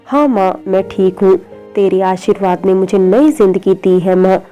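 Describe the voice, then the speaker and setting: A woman voicing a gentle young husband in hospital. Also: medium pitch, moderate pace, lo-fi sound, soft background music, natural voice. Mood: tender. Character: young husband recovering from surgery, teasing.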